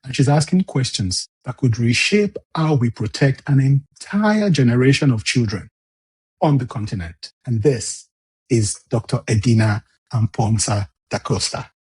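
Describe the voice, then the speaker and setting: Podcast host guy, husky breathy voice, measured and steady. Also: medium pitch. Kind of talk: interview with scripted intro narration.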